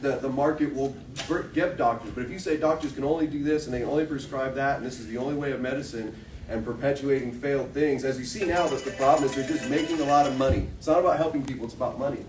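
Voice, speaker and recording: A man's voice: mid-range voice, fast talker. A young man debating, meandering and searching for words as he argues. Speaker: student debater. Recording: echoey room, distant mic, noise.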